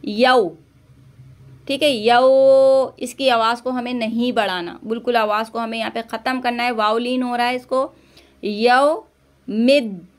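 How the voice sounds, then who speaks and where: A woman teaching Quran recitation online, patiently correcting pronunciation, repeating syllables and drawing out recited words slowly. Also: a little high, fairly even intonation. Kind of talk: online tajweed lesson.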